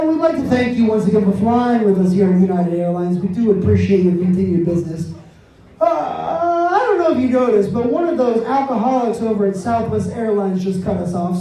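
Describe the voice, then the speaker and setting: An airline captain drones a cabin announcement over the intercom, calm and official, with long "uh" pauses, as a man puts him on. The voice sits very high. It sounds echoey and distant, caught on a club stage. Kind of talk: stand-up comedy bit.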